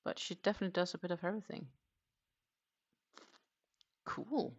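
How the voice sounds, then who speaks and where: Hosting a relaxed crochet livestream, a woman from Denmark talks in English, a second language for her, musing aloud with fillers and restarts. Her voice is lowish with fairly even intonation at a moderate pace, and the sound is lo-fi.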